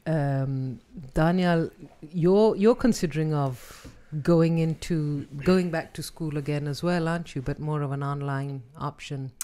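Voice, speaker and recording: A woman's voice: low voice, measured pace, few pauses, mellow. A woman hosting a casual panel conversation, prompting the other speakers. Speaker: host.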